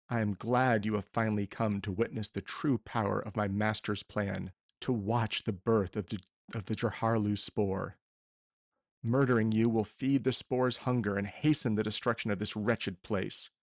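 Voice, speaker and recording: A man's voice: fairly low pitch, steady tone, unhurried, dry recording. A man voicing a menacing villain servant in a tabletop game, delivering a formal, gloating monologue. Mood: gloating menace.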